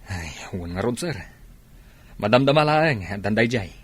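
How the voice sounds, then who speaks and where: A man's voice: on the low side, expressive, moderate pace, slightly rough, no echo. A man playing a soldier who answers his commander respectfully. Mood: deferential. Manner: respectful, deferential. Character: young soldier, deferential to commander. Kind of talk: radio drama acting.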